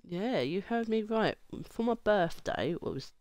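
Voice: mid-range voice, lively intonation, unhurried, a little mellow, no room sound. A groggy-sounding gamer with a sore throat, playfully giving casual let's play commentary and reading dialogue aloud, sex unclear. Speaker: gaming video host. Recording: music behind the voice. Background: game music.

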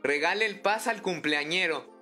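A man streaming a game live, chatty and excitable, thinking aloud and greeting viewers in the chat by name. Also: high-pitched, normal speed, faint music behind. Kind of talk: casual live-stream chat while gaming.

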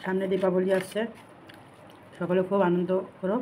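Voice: medium pitch, monotone, moderate pace, warm tone, a little hiss or hum, poor audio. An eating vlogger, chatting casually to viewers at home with a mouth full of rice. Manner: chatty, talks straight to viewers between bites. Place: at home, at a meal table.

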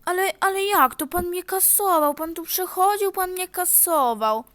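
A woman's voice: high-pitched, very slow, fairly bright tone, pitched above the performer's own voice, heavily acted. A woman putting on a fussy elderly lady passenger. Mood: indignant. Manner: indignant, stalling, protesting.

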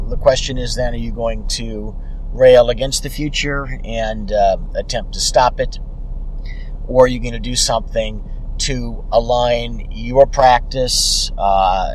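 A man's voice: lowish voice, low-quality recording. A middle-aged man talking to a dashboard camera as he drives, explaining business advice in a conversational way, full of "uh" fillers. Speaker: lawyer giving business advice to healthcare providers. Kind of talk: unscripted talk to camera while driving. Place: inside a car in traffic. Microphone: camera mounted on dashboard. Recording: faint car and road noise.

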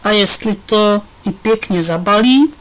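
A woman's voice: mid-range voice, a bit bright, lightly acted, low-quality recording. A woman reading aloud, voicing a quirky, bold schoolgirl with cheeky retorts in a storybook.

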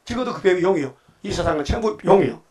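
A man preaching with a fairly high voice. He is emphatic and keeps firing rhetorical questions at his listeners. He slips into quoted voices as he tells the scripture stories. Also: expressive, fast talker, darkish tone. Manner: acts out quoted voices of God and the devil. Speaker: pastor. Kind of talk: sermon.

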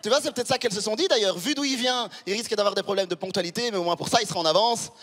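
Racing through his set, a high-voiced stand-up comic with a fairly bright tone teases the crowd in a large theatre hall, soft music in the background. He's a Rwandan-born man in his thirties, punchy and chatty, holding a handheld microphone.

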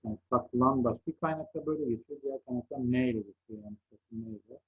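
A man's voice: mid-range voice, quick pace, vocal fry, slightly rough, phone-quality sound. A middle-aged man teaching a second-grade spelling lesson, patiently contrasting wrong and right word forms. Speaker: primary school teacher.

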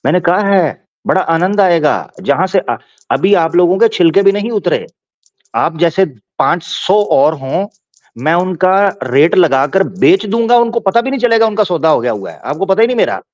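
A man's voice: sits high, big pitch swings, moderate pace. Combative man hosting a lo-fi debate. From Pakistan. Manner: combative, mocking, talks over others. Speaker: debate host. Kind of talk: heated online debate. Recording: lo-fi call audio.

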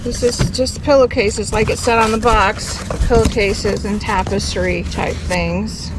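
A woman from Nebraska calmly listing items while unpacking a storage unit outdoors. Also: mid-range voice. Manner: slow, calm, lists items. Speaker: reseller vlogger. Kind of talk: casual chat while unboxing. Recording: loud outdoor noise.

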